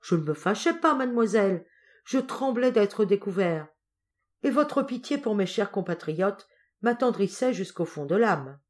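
Storybook: woman reading emotional young prince, fervent outbursts, mid pitch. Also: lively intonation, moderate pace, lightly acted. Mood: tender.

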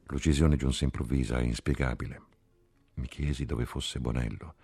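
Very deep gravelly male narrator. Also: steady tone, warm tone, no echo, soft background music. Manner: measured, sober first-person telling. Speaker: audiobook reader. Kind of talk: scripted literary narration.

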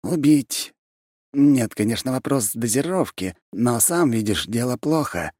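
A man's voice: mid-range voice, animated, a little slow, a little mellow, no room sound, clean studio sound, voice pushed up. A man voicing an eager, decent male colleague who speaks earnestly. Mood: grave.

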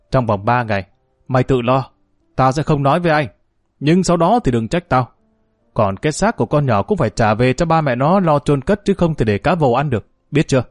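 A man's voice: medium pitch, darkish tone, no echo, studio quality, lightly acted. A man voicing a stern, blunt old village man. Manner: blunt, scolding, rough address.

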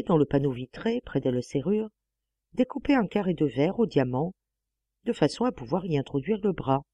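A woman narrating a classic novel as an audiobook, with a measured, expressive reading on a close mic. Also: low voice, no room sound. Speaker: audiobook reader.

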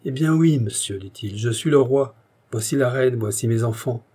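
A dignified king who speaks with measured solemnity, as a male narrator puts him on. The voice is low-key and mellow, with a husky grain. It is an audiobook reading. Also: close to an everyday voice. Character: dignified fugitive king, a middle-aged man.

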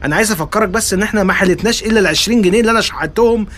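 A man's voice: high voice, rapid-fire, fairly bright tone, long reverb tail. An actor playing a pompous, stubborn man, an eccentric failed inventor, in a radio comedy, with an Egyptian accent. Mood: bickering. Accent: Egyptian Arabic.

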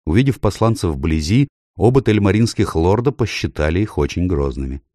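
A man narrating an audiobook in a measured, even way. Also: deep voice, dry recording, studio quality. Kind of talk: scripted narration.

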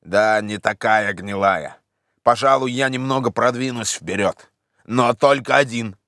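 A man voicing a timid, simple old male servant in an audiobook, calling down slowly and plaintively. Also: medium pitch, a bit bright, no room sound, clean studio sound, pitched below the performer's own voice. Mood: grumbling. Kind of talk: audiobook character voice.

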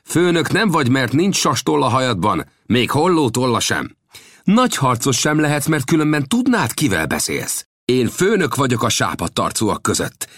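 A gruff, commanding old frontier scout with gray hair, pitched well above his reader's own voice, as a man puts him on. His tone rises and falls widely as he lays down the law. The audiobook reading sounds dry and close. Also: big pitch swings, a bit bright, no echo. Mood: boastful.

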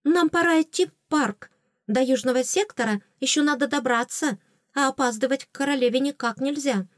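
A woman's voice: sits high, no room sound, clean studio sound, voice pushed up, lightly acted. Woman voicing an eager young lady-in-waiting. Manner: eager, hurried.

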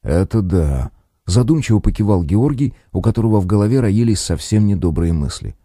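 A man reading an audiobook in an expressive narrating manner. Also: lowish voice, fast, slightly rough, dry recording, studio quality.

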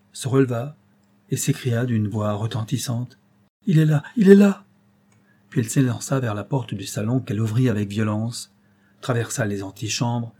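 A man narrating a classic tale in a measured, expressive reading voice. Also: mid-range voice, breathy edge. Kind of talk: scripted audiobook narration.

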